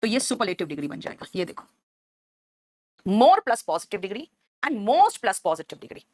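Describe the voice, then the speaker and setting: A woman's voice: mid-range voice, big pitch swings, slow, darkish tone, dry recording, studio quality. A woman teaching English grammar in an online class. She explains patiently, calls students by name and "beta", and keeps checking with "right?".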